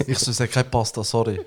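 Young Swiss German male co-host, mid-pitched, dry jokes in quick asides. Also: a little mellow, slightly rough. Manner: jokey, throws in dry one-liners. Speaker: podcast co-host. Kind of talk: casual chat.

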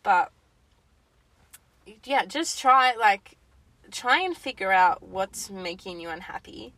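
A woman's voice: mid-range voice, animated, slow, pushed and bright, dry recording, rough recording. A woman co-hosting a casual advice chat, talking informally with slang and swearing. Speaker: podcast co-host.

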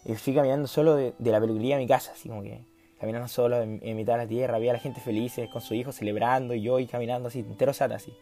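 A man's voice: mid-range voice, fairly even intonation, rapid-fire, dark tone, faint music behind. A late-teen man with a Chilean accent telling a rambling, self-mocking story in a casual vlog, slangy and acting out the dialogue. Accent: Chilean Spanish. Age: late teens. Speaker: vlogger.

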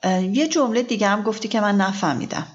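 A woman in a language lesson, asking quick questions and repeating the teacher's phrases slowly. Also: medium pitch. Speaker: learner co-host. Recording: dull lo-fi audio.

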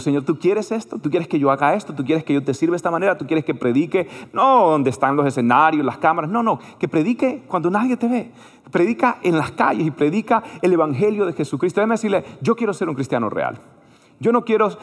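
A pastor delivers an animated sermon, acting out conversations in a fairly high male voice. His words ring through a hall with a long reverb tail. He moves between excited storytelling and earnest exhortation.

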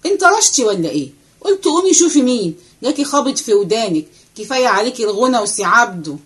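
A woman's voice: mid-range voice, racing, slightly rough, close to an everyday voice. Woman doing a scolding Egyptian housewife. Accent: Egyptian Arabic. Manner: scolding, impatient. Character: bossy, sharp-tongued middle-aged housewife.

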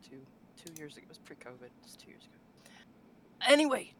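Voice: mid-range voice, fairly even intonation, racing, noisy background. A podcast co-host in casual chat about game lore, rambling, laughing often and swearing offhandedly.

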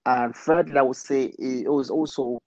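A man's voice: mid-range voice, fairly even intonation, moderate pace, darkish tone, no room sound. Hesitant Congolese-born man, muffled call. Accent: Congolese-born Londoner. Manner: hesitant, many ums, laughs easily. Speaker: guest, fashion brand founder. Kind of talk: casual interview.

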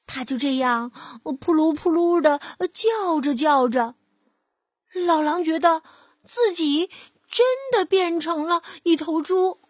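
A woman reading a picture book aloud to a child, with gentle, drawn-out storytelling and lively emphasis. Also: high voice, no echo, studio quality.

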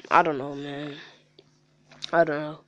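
A man's voice: a little high, little pitch movement, a little slow, sharp tone, dry recording. A man speaking in a candid casual chat as a guest, heated and profane and often repeating himself.

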